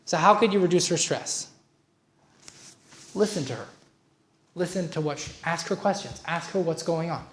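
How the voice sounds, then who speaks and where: A man's voice: fairly high pitch, moderate pace, long pauses, fairly bright tone. Man coaching a workshop in a roomy hall. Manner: chatty lecturing with personal anecdotes and asides. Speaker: relationship coach leading a workshop. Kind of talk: informal workshop talk. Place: workshop room at a community centre. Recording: roomy room recording.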